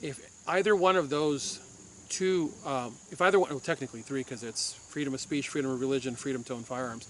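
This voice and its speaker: A man's voice: medium pitch, fairly even intonation, a little fast, a bit bright, slight background noise. A man from Puerto Rico, a former police officer, hosting a firearms channel and giving an insistent opinion monologue to camera, repeating his points for force.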